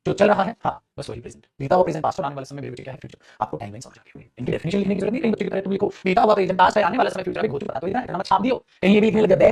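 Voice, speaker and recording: A man teaching English grammar in a lively classroom manner, calling students "beta" and answering his own questions. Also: vocal fry. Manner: acts out students' replies in a lower voice.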